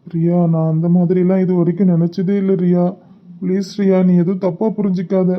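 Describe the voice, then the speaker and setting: A performer voicing a gentle, pleading young man. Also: medium pitch, level tone, brisk, muffled recording, natural voice. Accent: Kanyakumari Tamil. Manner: soft, coaxing and pleading. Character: gentle young man, apologetic husband and caring brother. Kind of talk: cartoon voice acting.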